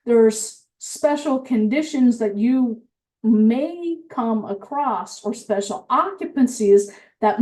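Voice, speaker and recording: A woman's voice: on the high side, darkish tone. A woman compliance engineer giving a methodical technical presentation, explaining with frequent fillers, and she has the hiccups.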